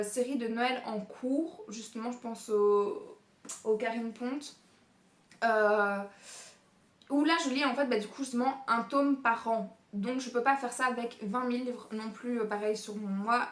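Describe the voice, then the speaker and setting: A woman's voice: a little high, steady tone, normal speed. A young woman talking casually about new books she plans to read, with lots of fillers and frequent laughter. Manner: chatty, many fillers, laughs often. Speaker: book youtuber. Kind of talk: casual book talk. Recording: echoey room.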